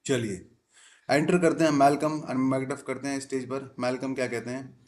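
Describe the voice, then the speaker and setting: A man explains a classic play line by line in a mid-range voice. He reads each English line slowly and with stress, then explains it in a relaxed, conversational way. He speaks to his viewers as friends throughout. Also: mid-range voice. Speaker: English literature teacher.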